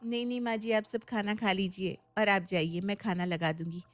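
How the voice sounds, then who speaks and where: A woman's voice: mid-range voice, steady tone, normal speed, dry recording, soft background music, natural voice. A woman voicing a suspicious young bride who answers her mother-in-law with defiance and sarcasm. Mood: polite.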